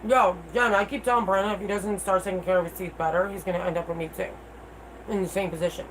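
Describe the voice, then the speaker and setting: A middle-aged woman talks casually to her livestream viewers in a candid, unpolished way. Her speech sounds toothless, at an ordinary female pitch. There is faint noise from the room around her. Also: fairly even intonation, fast, poor audio. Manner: candid, informal, mild swearing. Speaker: livestream host.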